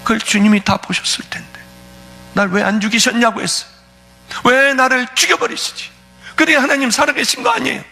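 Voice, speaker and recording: A man's voice: very high-pitched, fairly even intonation, brisk, vocal fry, pushed and bright, soft background music. A male pastor giving a fervent, emotional testimony sermon, telling his story with sudden swings of feeling.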